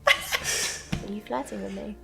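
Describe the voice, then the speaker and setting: Game flirt: coy, teasing, mid pitch. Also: female voice, steady tone, slow, gravelly, pushed and bright, soft background music, full character voice. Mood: flirty. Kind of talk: game character dialogue.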